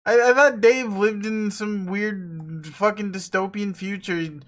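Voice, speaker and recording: A man's voice: high voice, fairly even intonation, takes it slowly, a bit bright, pitched above the performer's own voice. A man voicing Dave, a swearing ironic teen. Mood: laughing. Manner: profane, rambling, laughs a lot. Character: cool ironic teen boy, swearing, self-mocking. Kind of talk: dramatic webcomic reading.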